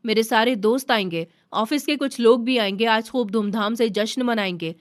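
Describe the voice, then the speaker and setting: Eager young man, read by a woman narrator; upbeat, fairly high. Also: normal speed, lightly acted. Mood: excited. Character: excited young man celebrating his promotion.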